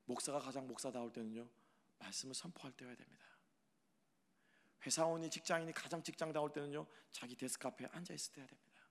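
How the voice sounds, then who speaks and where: A male pastor giving a Sunday sermon in a church. He swings between loud, impassioned preaching and hushed, near-whispered lines, and he puts rhetorical questions to the congregation. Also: medium pitch, quick pace, big-room sound. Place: church sanctuary.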